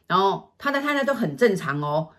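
A woman's voice: medium pitch, fairly quick. A woman, a fortune teller telling a client's story in casual chat, acting out scenes as she goes. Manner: animated, acts out scenes with sighs and gestures.

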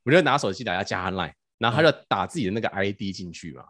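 A man, a podcast host telling a story casually and in an animated way, often restarting his phrases. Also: fairly low pitch, rapid-fire. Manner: animated, acts out quotes, stammers restarts.

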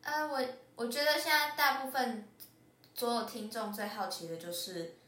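A woman's voice: fairly high pitch, normal speed, sharp tone. A woman co-hosting a casual chat who chimes in with short, teasing questions and comments. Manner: brief teasing interjections and questions. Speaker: podcast co-host.

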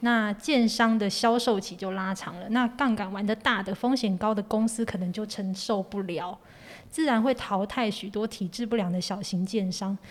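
A woman's voice: mid-range voice, fairly even intonation, normal speed. A woman hosting a conversational podcast in a Taiwanese Mandarin accent, slightly muffled by a face mask. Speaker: podcast host.

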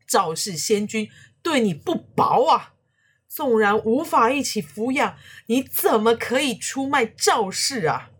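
A woman's voice: low voice, lively intonation, measured pace, slightly rough, heavily acted. A woman voicing an elderly, loyal male retainer in a storybook tale, crying out in raised, anguished pleas. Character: old loyal male retainer, desperate and defiant.

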